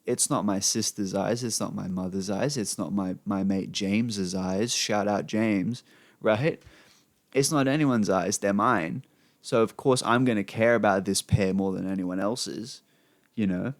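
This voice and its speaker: A man's voice: lowish voice, a little slow, dry recording. A young Australian man rambling unscripted to camera as a vlogger, swearing freely and filling his talk with "you know" asides, recorded on a desk microphone at his computer. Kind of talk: unplanned rambling monologue. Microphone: desk microphone he sometimes pops.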